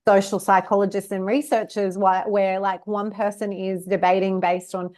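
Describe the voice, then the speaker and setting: Australian woman, lively expert guest. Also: mid-range voice, moderate pace. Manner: animated, uses rhetorical questions and fillers like "you know, like". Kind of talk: conversational interview.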